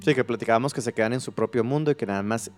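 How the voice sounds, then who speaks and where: A host in a casual chat, quick and reflective, often agreeing. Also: medium pitch, soft background music. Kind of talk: casual conversation.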